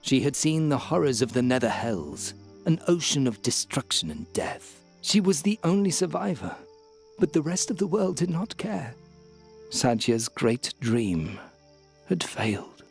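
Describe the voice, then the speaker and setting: An actor playing a grave, sentimental old male storyteller who tells a tale in a solemn, measured way. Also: medium pitch, vocal fry, a little mellow. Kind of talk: game voice acting.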